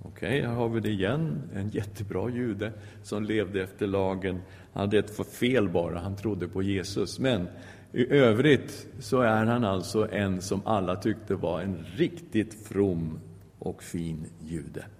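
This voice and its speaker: Preacher man in a reverberant hall. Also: on the low side. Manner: expressive, rising emphatically on key words and dropping to near-whispers. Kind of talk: Bible teaching sermon.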